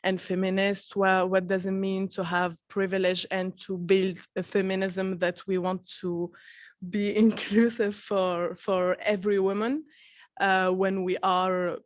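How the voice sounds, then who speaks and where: Slow, hesitant woman on a panel. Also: mid-range voice, flat delivery, dry recording. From Tunisia, raised in France. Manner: hesitant, many fillers and restarts. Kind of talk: panel discussion.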